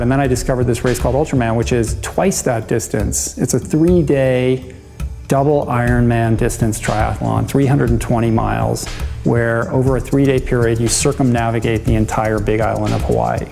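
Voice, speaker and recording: A man telling the story of his endurance challenge in an animated, storytelling documentary interview. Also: mid-range voice, creaky. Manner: animated storyteller, acts out doubters' voices.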